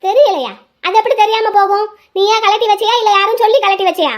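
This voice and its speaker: A woman voicing a sharp-tongued, bossy mother-in-law in a cartoon, scolding as she talks. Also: very high-pitched, quick pace. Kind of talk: cartoon voice acting.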